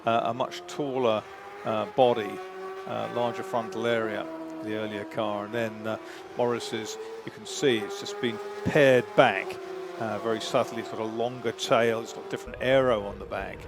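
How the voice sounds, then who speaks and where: A man's voice: fairly low pitch, fairly even intonation, moderate pace, hardly any pauses. A man giving analytical motorsport commentary in a discursive way, hesitating as he chooses his words. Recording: clear background noise.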